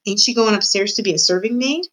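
A woman acts out a young servant girl from a storybook, pitched high. She is simple, wistful and stubborn, with rustic, uneducated turns of phrase and a plaintive manner. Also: fast, a bit bright, close to an everyday voice, poor audio. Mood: hopeful, hurt. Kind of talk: storybook character voice.

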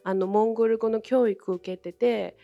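A woman's voice: fairly high pitch, steady tone, normal speed, vocal fry, dark tone, no echo, lo-fi sound. A young woman from Inner Mongolia whose first language is Chinese, answering interview questions politely with many hesitant fillers. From Inner Mongolia, China. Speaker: interview guest, former international student.

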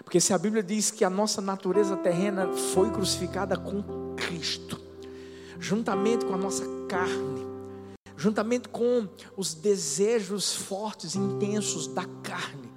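A male pastor preaching a sermon, telling stories with feeling and swinging between soft and loud passages, recorded in a church hall with an instrument playing underneath. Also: sits high, unhurried. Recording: long hall reverb with music behind. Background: musical instrument playing.

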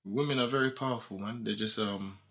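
A man's voice: on the low side, fairly quick, vocal fry, a bit bright. A young man with a London roadman accent debating casually on a podcast, full of slang and tag questions. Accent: London roadman, multicultural street English. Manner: repeats tag questions and checks he is understood. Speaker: podcast speaker.

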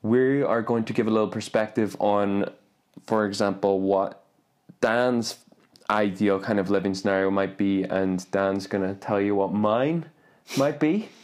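A man co-hosting a podcast, chatting casually and teasing his friend with playful, drawn-out remarks. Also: fairly low pitch, a little mellow. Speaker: podcast co-host. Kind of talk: casual banter.

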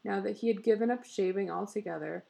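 A woman reading a short story aloud in a steady voice, breaking into laughs now and then. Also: mid-range voice, fast talker, vocal fry. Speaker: reader.

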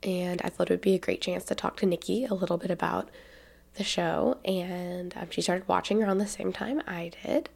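Southern gal in her 20s hosting a podcast, low-ish gravelly voice, lots of ums. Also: fairly even intonation, moderate pace. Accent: Southern American. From Tennessee. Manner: chatty, many ums and likes. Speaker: podcast host. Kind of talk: casual podcast chat.

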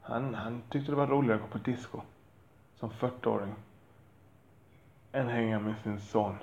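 A man's voice: mid-range voice, vocal fry, a little mellow, reverberant, highs cut off. A man talking frankly about being a father, in a blunt, profane and rambling way with self-deprecating asides. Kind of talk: candid monologue.

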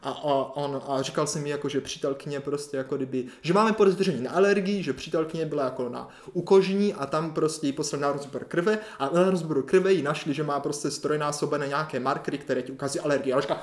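A man's voice: fairly high pitch, few pauses. A man telling a long anecdote in casual chat, rambling and checking in with tag questions. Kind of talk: casual storytelling.

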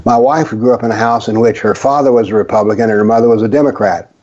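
A man's voice: medium pitch, steady tone, fast, darkish tone. An older man from the American South, a guest author on a radio talk show, telling stories with a wry, sarcastic edge. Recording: dull lo-fi audio.

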